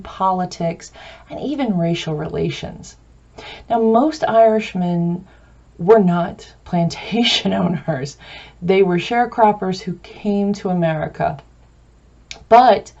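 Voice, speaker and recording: A woman's voice: medium pitch, mellow, muffled recording. Chatty woman giving a film lecture. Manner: chatty, with laughs and asides. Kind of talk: casual recorded lecture.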